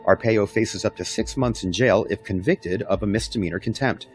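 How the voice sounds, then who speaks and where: A man's voice: on the low side, moderate pace, faint music behind. A man news anchor reading scripted headlines in a firm, formal way.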